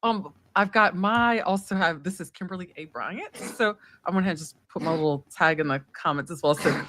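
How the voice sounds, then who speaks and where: A woman's voice: on the low side, normal speed, background noise. A woman guest in a casual chat, giggly and hesitant with lots of fillers.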